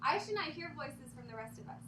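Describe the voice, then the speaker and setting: A woman's voice: high voice, expressive, a little fast. A woman teacher reading a book aloud to her class, with dramatic, exaggerated protests between instructions. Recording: echoey classroom from far off, noisy.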